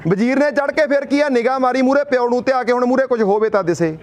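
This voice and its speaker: A man from Punjab addresses an outdoor protest in an impassioned public speech. His voice sits very high for a man. He drives his points home with rhetorical questions and folksy stories. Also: fast. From Punjab, India. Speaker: speaker at a protest sit-in.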